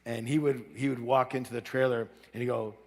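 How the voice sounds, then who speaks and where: A man giving an energetic live seminar talk, drawing call-and-response from the audience. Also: mid-range voice, a little fast. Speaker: seminar speaker. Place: large seminar hall. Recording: long hall reverb.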